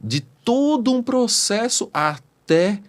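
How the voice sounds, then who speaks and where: A man's voice: extremely high pitch, very animated, slow. A Brazilian man hosting an interview, talking hesitantly and adding tag questions after almost every phrase. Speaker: host and teacher.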